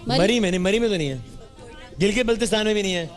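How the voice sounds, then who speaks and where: A man hosting a live studio quiz, teasing and bantering quickly with the audience. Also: high-pitched. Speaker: game show host. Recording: roomy hall with music and crowd.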